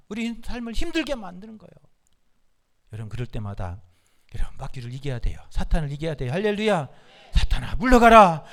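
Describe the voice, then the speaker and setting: A middle-aged male pastor preaching a sermon, exhorting his congregation and leading them in call-and-response, with sudden shouted commands. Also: fairly high pitch.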